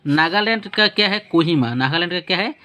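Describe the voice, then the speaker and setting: A man's voice: sits high, lively intonation, brisk, pushed and bright. A male teacher giving a spoken lesson with a map. He asks questions and answers them himself, repeats words, and corrects his own slips as he goes.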